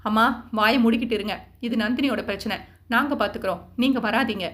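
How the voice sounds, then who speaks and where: A woman's voice: fairly high pitch, brisk, fairly bright tone, close to an everyday voice. A woman voicing an angry young man who firmly tells his mother to stay out of it. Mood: stern. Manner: stern, firm.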